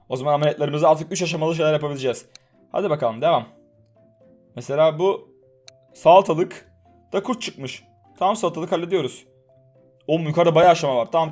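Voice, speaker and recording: A man's voice: fairly high pitch, a little mellow. A young man giving casual, chatty commentary on a mobile game, joking, swearing for fun and soothing the characters. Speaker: gaming YouTuber.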